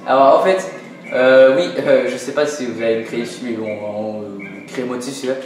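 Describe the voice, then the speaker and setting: This let's play host speaks briskly, his mid-range voice steady, as he games. Game music fills a very echoey room while he jokes, mocks himself, laughs often, and leans on fillers.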